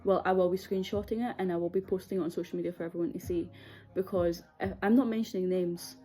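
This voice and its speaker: A woman's voice: lowish voice, steady tone, fast talker, warm tone. A young adult woman with a Scottish accent telling a personal story in a candid, hesitant, conversational way. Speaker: video series host.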